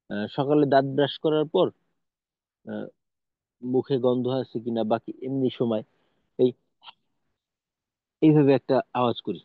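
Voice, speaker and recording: A man's voice: mid-range voice, no room sound. A man teaching Quran pronunciation in an online lesson, explaining patiently and demonstrating sounds. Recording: dry, tinny phone-like audio.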